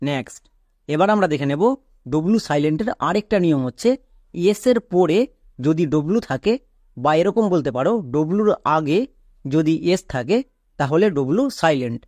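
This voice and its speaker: Male teacher, fairly high voice, dry close sound, patient and repetitive. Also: animated, moderate pace, a little mellow, no echo. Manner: patient, repeats rules and asks check questions. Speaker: English pronunciation teacher. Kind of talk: explanatory lesson.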